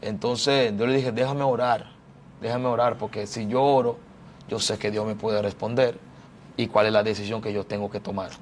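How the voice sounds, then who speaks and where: A man's voice: lowish voice, fairly even intonation, normal speed, a little hiss or hum. A man from the Dominican Republic telling his life story as a prophet and pastor in a church interview, fervent and repeating phrases like a preacher.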